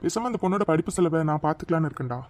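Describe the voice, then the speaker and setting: A performer voicing a gruff but caring young man in a cartoon. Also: mid-range voice, expressive, very fast, darkish tone, close to an everyday voice. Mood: earnest. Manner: gruff, earnest. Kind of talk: cartoon dialogue.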